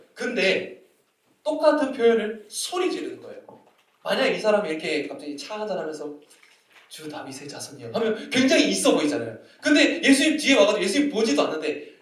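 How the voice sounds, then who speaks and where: A male pastor with a sore throat preaching to a young adults' service in a conversational way, often putting questions to the congregation. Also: high-pitched. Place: church sanctuary. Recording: echoey church hall, mic at a distance.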